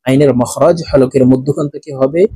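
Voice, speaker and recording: A man with a Bangladeshi Bengali accent teaching Quran recitation, slowly and patiently, breaking each word apart and repeating phrases. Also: medium pitch, fairly even intonation, mellow, breathy edge, no echo. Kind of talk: slow, patient teaching with drawn-out chanted recitation.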